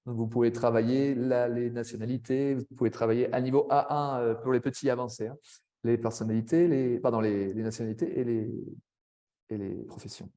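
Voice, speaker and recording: A man giving a webinar presentation to language teachers, chatty, with frequent tag words and quick asides. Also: medium pitch, fairly even intonation, dark tone. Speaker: French language teacher trainer.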